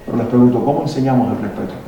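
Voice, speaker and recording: Deep, mellow man preaching in an echoey hall. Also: racing, dull audio. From Latin America. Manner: preachy, poses rhetorical questions to the audience. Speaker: speaker at a parenting workshop. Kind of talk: motivational talk to parents. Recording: very echoey hall, mic at a distance, faint noise.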